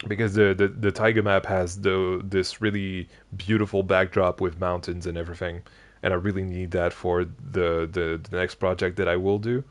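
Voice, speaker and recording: Man, very low voice, casual live-stream chat, sleepy, rambling with fillers. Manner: rambling, many restarts and fillers, chatting with viewers. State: sleepy, yawning.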